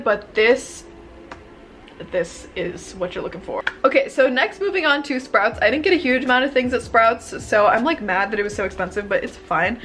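A woman's voice: fairly high pitch, fairly bright tone. A young woman in her twenties talking casually to camera in her bedroom, bubbly and gushing, with lots of "like" and "um". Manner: bubbly, chatty, gushing, frequent "like" and "um". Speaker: vlogger. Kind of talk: casual haul video.

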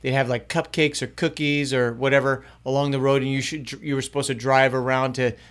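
A man's voice: mid-range voice, level tone, fairly quick, fairly bright tone. Upbeat middle-aged man vlogging. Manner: upbeat, chatty, varying pace. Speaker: youth ministry podcast host. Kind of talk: casual tutorial vlog. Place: small home studio room. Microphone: close studio mic in front.

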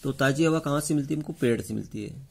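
A man's voice: on the high side, fast, creaky, husky. A male teacher going over test answers, often asking the class a question and then giving the answer himself. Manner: repeats key points as questions to the class. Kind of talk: explaining test answers to students.

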